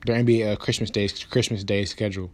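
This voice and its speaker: A man hosting a casual basketball podcast, rambling with lots of fillers and restarts, and quick in delivery. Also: fairly low pitch, flat delivery, a little hiss or hum. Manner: talks fast, says so himself. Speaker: podcast host. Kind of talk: casual sports podcast talk.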